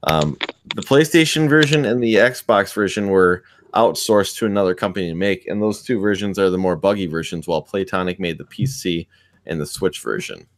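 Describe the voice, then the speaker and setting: A man talks through a casual video call, wandering through his point with restarts and fillers. His voice sits a little low. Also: moderate pace. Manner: rambling, many restarts and fillers.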